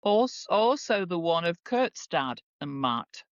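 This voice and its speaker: A woman in her seventies tells a family story as a guest in casual conversation. Her pitch moves a lot, which makes her sound expressive. The recording is dry but dull, with a lo-fi quality. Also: slow pace, no echo. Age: 70s. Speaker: guest, the stepmother.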